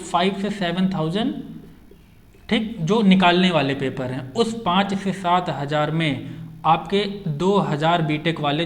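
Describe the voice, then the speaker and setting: A man acting as a coaching teacher gives an informal explanatory update in a slightly high voice. He repeats key phrases for emphasis and mixes in a lot of English words.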